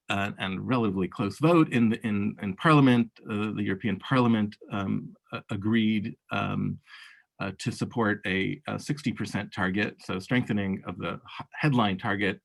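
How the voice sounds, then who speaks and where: Halting low-voiced man with gravelly tone. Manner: halting, many fillers and restarts. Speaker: workshop panelist. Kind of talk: unscripted policy talk.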